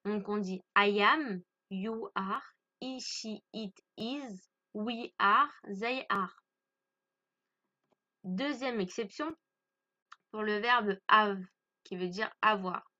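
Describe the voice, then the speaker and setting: Woman teacher, native French, slow and patient, bright tone, dull lo-fi recording. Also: medium pitch. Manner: patient, repeats key points and checks "d'accord?". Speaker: English teacher. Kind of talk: beginner English lesson.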